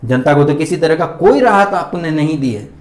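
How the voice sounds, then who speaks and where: Guy ranting about politics on his channel, kinda high voice, lots of angry what-did-you-do questions, echoey room. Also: lively intonation, normal speed. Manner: indignant, rhetorical questions. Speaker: vlog host and political commentator. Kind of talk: opinionated political commentary.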